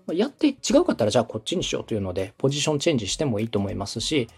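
A man from Osaka, Japan, acting as a radio director, coaches a podcaster with structured, polite, methodical advice. His medium-pitched voice swoops wildly and races along, a little mellow and slightly rough.

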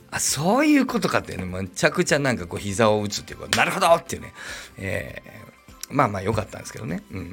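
A middle-aged man with a gravelly, slightly husky voice tells a personal story in a loose, rambling podcast chat. His pitch swings freely up and down as he adds wry asides, and soft music plays faintly behind him. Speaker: podcast host. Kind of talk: casual storytelling monologue.

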